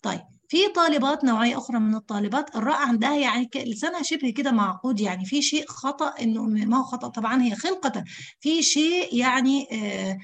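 A woman's voice: fairly high pitch, lively intonation, quick pace. A woman with an Egyptian accent teaching Quran recitation, who speaks straight to her female students and repeats syllables to show how each sound is made. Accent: Egyptian Arabic. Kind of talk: tajweed lesson explaining letter articulation.

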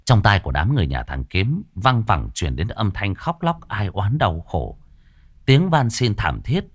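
A man narrating a ghost story with dramatic, expressive delivery. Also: on the low side, unhurried, dry recording.

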